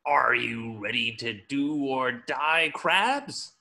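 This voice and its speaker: A man's voice: medium pitch, animated, takes it slowly, vocal fry, pushed and bright, heavily acted. A man voicing a tiny, scheming, grandiose plankton villain in a cartoon table reading, pompous and theatrical. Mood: menacing.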